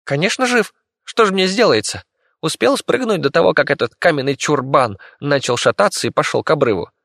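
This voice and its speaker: A man voicing a boastful male rat companion who squeaks shrilly. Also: lively intonation, fairly quick, creaky, fairly bright tone, no echo, studio quality, full character voice. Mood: cocky.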